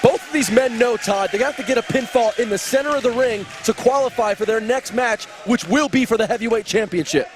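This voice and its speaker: A man working as a wrestling color commentator, giving excited, emphatic and earnest analysis of the match. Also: extremely high pitch, fairly quick, few pauses, noisy background. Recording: loud arena crowd and music behind. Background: cheering crowd and music.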